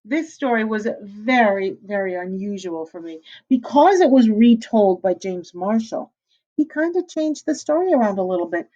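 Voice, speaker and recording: Very animated and mid-range in pitch, a middle-aged woman teacher reads a storybook aloud to children at normal speed. She pauses warmly to explain words, and the lo-fi recording is slightly dull.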